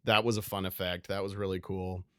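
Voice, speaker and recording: Low-voiced man rambling about movies. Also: flat delivery, fairly quick, clean tone, dry recording, studio quality. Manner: rambling, lots of "you know" and restarts. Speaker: podcast co-host. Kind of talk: casual movie chat.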